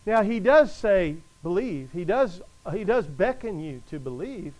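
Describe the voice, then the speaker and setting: A man preaching a sermon to his congregation, emphatic, with conversational asides, slowing down to stress the verses he quotes. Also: high-pitched, very animated, darkish tone, low-quality recording. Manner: emphatic, rises and drops in volume, slows to stress scripture.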